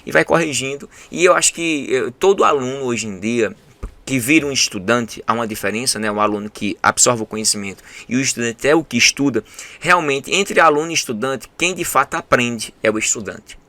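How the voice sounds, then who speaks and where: Brazilian male host, English teacher, bright voice, animated. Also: medium pitch, brisk. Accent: Brazilian Portuguese. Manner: animated, acts out his students' voices. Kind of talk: casual interview chat.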